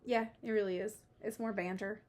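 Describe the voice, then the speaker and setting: A woman's voice: medium pitch, steady tone, fairly quick, darkish tone. A woman with a Southern US accent co-hosting a podcast, telling local stories in a rambling, giggly way. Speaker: podcast co-host. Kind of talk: casual storytelling chat.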